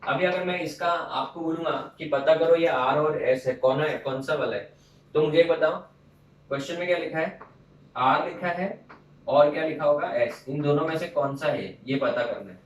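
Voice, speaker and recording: A man's voice: fairly high pitch, normal speed. A man teaching a chemistry class in a lecture style, coaxing and playfully teasing his students. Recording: echoey room from a distance.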